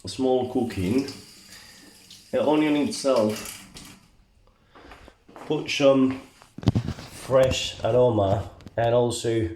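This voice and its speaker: A man with a Basque accent and non-native English gives a casual, halting, step-by-step cooking tutorial as an amateur home cook. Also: medium pitch, a little mellow. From Basque Country. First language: not English. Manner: halting, step-by-step, often checking with "okay?". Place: home kitchen, indoors. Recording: echoey room, background hiss and clicks.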